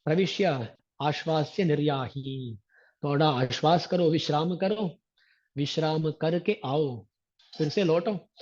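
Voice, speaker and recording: A man's voice: on the high side, darkish tone, dull audio. A male religious teacher giving a scripture discourse, chanting Sanskrit verses and then explaining them line by line.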